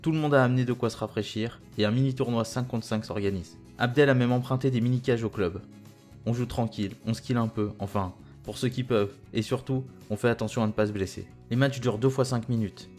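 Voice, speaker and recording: A young man calmly narrating a first-person story in a steady, scripted way. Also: mid-range voice. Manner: calm, even storytelling in present tense. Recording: faint guitar music behind. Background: faint guitar music.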